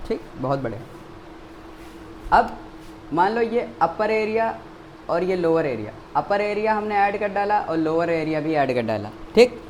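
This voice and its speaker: A man with a high voice and an Indian accent teaches a maths class. He keeps quizzing his students and answers each question himself. Faint noise sits behind him. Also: very animated, unhurried, long pauses, poor audio. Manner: repeats key words for emphasis.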